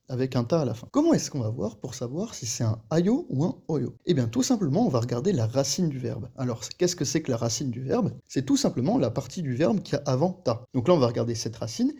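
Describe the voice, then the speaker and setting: A man's voice: fairly high pitch, warm tone, husky. A young man teaching an online language lesson, explaining rules patiently in a casual way.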